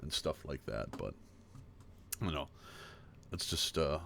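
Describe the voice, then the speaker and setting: An American man giving a casual livestream language lesson, repeating each example word slowly and chatting between them. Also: very deep voice, expressive, vocal fry, a bit bright, a little hiss or hum. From United States. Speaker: streamer teaching a language. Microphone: streaming mic.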